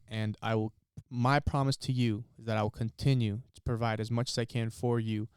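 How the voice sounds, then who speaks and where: Earnest young man with a smooth voice. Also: fairly low pitch, darkish tone, no echo, clean studio sound. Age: 20s. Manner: earnest, motivational. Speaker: podcast co-host. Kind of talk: casual chat.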